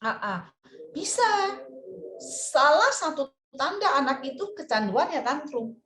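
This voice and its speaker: Animated woman therapist on a roomy video call. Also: high voice, measured pace, a little hiss or hum. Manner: animated, expressive, repeats key phrases. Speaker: parenting seminar speaker. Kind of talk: webinar talk over video call.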